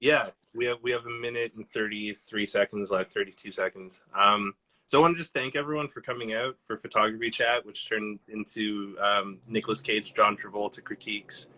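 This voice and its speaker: A man hosting a casual live-stream chat, excitable and swearing freely as he acts out quotes. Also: lowish voice, a little fast. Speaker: host.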